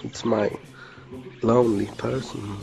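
A man's voice: lowish voice, flat delivery, creaky, darkish tone. A man with a Polish accent hosting a podcast in casual chat, teasing his co-host and often restarting his sentences. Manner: teasing, halting, restarts a lot.

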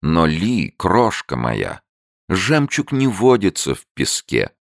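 A man reading an audiobook and voicing a brash young man who shows off his courage, bold and chivalrous, sharp when challenged. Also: low-pitched, wildly swooping pitch, slow, vocal fry, dry recording, studio quality, pitched above the performer's own voice, heavily acted. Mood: gallant.

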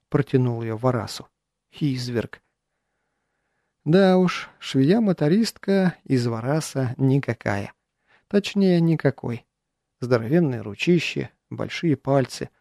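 A man narrating a first-person audiobook in a measured, even way. His voice is mellow and dark, and the recording is close and dry with no room sound. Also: medium pitch, no room sound.

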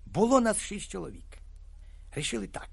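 A man telling as a lively old hunter. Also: sits high, normal speed, vocal fry, husky, heavily acted. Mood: rueful. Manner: lively storytelling, animated exclamations. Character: garrulous 56-year-old male hunter telling a tale.

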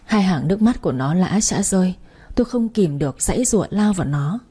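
A woman's voice: on the low side, lively intonation, fairly quick, warm tone, slightly rough. A woman narrating a first-person dramatic story with emotional delivery.

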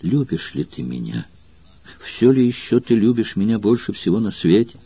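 A man with a husky voice reading the lines of a passionate noble Roman woman in an audiobook, soft and anxious, often near a whisper. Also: lowish voice, very animated, normal speed, no echo, lo-fi sound, exaggerated voice. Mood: tender.

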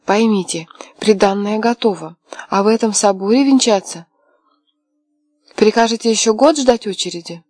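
A woman voicing a headstrong, quick-tempered young wife in an audiobook, sharp and mocking. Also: mid-range voice, no room sound, clean studio sound, voice pushed up, close to an everyday voice. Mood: furious. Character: fiery defiant young wife, headstrong and scheming. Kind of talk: audiobook character voice.

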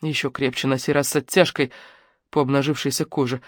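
A woman narrating a novel in a measured, even reading voice. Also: a bass voice, dry recording, clean studio sound. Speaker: audiobook narrator. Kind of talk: scripted narration.

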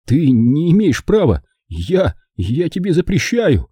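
A man's voice: medium pitch, wildly swooping pitch, moderate pace, mellow, husky, dry recording, studio quality, voice pushed up. A man voicing a frightened young man who pleads with his dying uncle in an agitated way. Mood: desperate.

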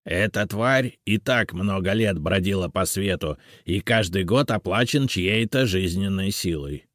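Audiobook: man doing a stern house spirit, slow, firm, dry read. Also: low-pitched, no echo. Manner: calm, confident, slow and firm.

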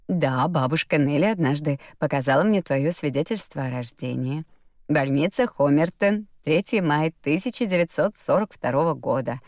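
A woman reading as a fussy, insistent mother in an audiobook who presses her point. The voice is low and dry, recorded close. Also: lively intonation, moderate pace, darkish tone, no echo. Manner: insistent, fussing.

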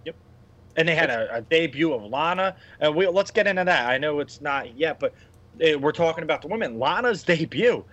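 A man in his thirties co-hosts a casual wrestling podcast, blunt and opinionated as he rambles through his points. His voice is a little high, animated and fairly bright, he speaks a little fast, and the audio is dull lo-fi.

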